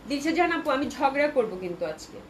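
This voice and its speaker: Woman from bangladesh doing a live dress sale, rattles off prices fast, bit of a sore throat, faint hiss behind. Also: high-pitched, very animated, poor audio. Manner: chatty, reads out viewer comments. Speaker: online clothing seller. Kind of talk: live sales stream.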